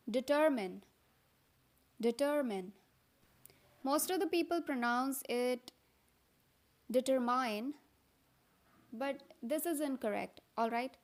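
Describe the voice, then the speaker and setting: A young woman with a high voice teaches English pronunciation. She speaks slowly and repeats each example word with care. She keeps checking that the listener follows. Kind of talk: Hindi-language lesson with English example words.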